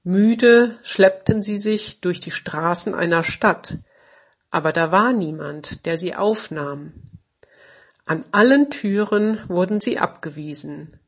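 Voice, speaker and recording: A woman narrating a children's story in a gentle, measured storybook reading. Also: fairly low pitch, husky.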